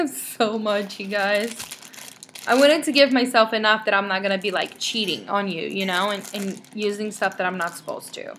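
With a medium-pitched, slightly bright voice at a moderate pace, a young woman shows off wax melts in a casual haul vlog, over a little hiss or hum. She chats with viewers in a bubbly, rambling way, reading each product name aloud in turn.

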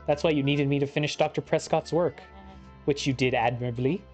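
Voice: mid-range voice, steady tone, a little fast, darkish tone, close to an everyday voice. An actor voicing a smug, scheming video game villain who monologues in a theatrical, condescending way. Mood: pleased, smug. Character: smug scheming villain, animal founder in youthful body. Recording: music under the voice.

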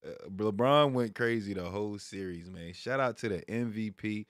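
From a small indoor room at home, a sports vlog host and streamer in his thirties, American, chats relaxed and slangy to camera. He speaks on the low side at normal speed. A close stand microphone and headset give clean studio sound with no room noise.

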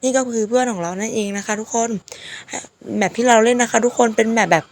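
A woman with a hoarse, sick-sounding voice giving casual game commentary, politely addressing her viewers. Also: fairly high pitch, quick pace. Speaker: gaming video host.

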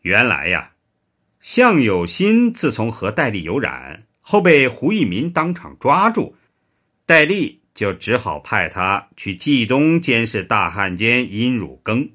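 Male storyteller reading a history serial, voice bouncing up and down a lot, expressive. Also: mid-range voice. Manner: animated, expressive narration.

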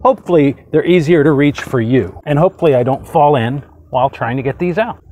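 A man's voice: on the high side, a little fast, a little mellow. A man in his forties hosting a casual how-to demo in a backyard, talking upbeat and chatty while he works. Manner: upbeat, chatty, talks while doing tasks. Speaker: hot tub how-to host. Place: outdoor backyard beside a hot tub.

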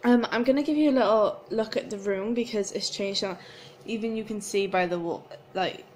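A woman's voice: medium pitch, moderate pace, darkish tone, slight background noise, rough recording. A young woman chatting casually in a rambling, giggly way while vlogging on a phone held at arm's length. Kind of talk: casual vlog chat. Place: small flat indoors, then windy street outdoors. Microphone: handheld phone camera at arm's length.

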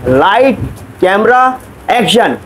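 A man playing a fed-up shouting film director. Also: high-pitched, sing-song, a little hiss or hum, heavily acted, low-quality recording. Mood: exasperated. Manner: scolding, exasperated, calls out cues slowly. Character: impatient shouting male film director, adult. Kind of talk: comic short film acting.

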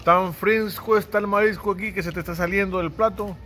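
A man's voice: sits high, steady tone, fairly quick, bright, forceful tone. A man with a Mexican accent teasing a friend in casual chat at a seafood restaurant, laughing often. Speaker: vlogger filming a friend.

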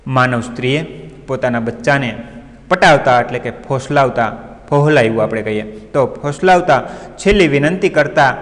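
A man's voice: medium pitch, normal speed. Man teaching in an echoing room. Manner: retells a story and stops to gloss words. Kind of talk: online class lesson, reading and explaining a story. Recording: long reverb.

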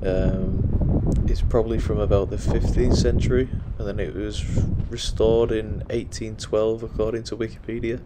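A man narrating a walking tour of a churchyard in a relaxed way, with frequent ums, recorded outdoors on an action camera. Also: lowish voice, normal speed, few pauses. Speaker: walking vlogger. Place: outdoors in a windy rural churchyard. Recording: loud wind noise on the mic. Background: wind.

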